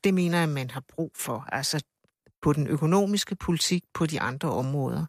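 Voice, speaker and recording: A woman's voice: low voice, lively intonation, dry recording, studio quality. A woman on a political panel explaining her view in a thoughtful way. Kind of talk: panel discussion.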